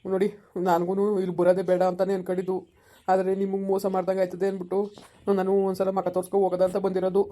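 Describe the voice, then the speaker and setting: A woman's voice: fairly low pitch, completely flat delivery, very fast, dark tone, lightly acted. Woman playing an earnest young village soldier. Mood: consoling. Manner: soothing, consoling. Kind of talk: village family drama acting.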